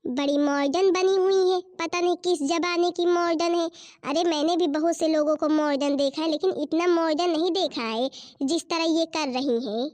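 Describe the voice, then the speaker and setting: A woman playing a resentful young daughter-in-law in a cartoon, complaining and indignant about her in-laws. Her voice is high and dry. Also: normal speed, a little mellow, dry recording.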